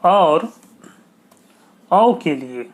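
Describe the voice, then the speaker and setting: A man's voice: on the high side, expressive. A man teaching an exam-prep grammar lesson, repeating key points and asking checking questions. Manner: slow, repetitive, asks checking questions.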